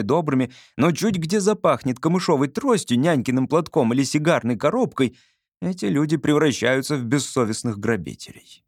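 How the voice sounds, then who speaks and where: A man reading a story aloud in a measured, expressive way. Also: mid-range voice, dry recording, clean studio sound. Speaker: audiobook reader.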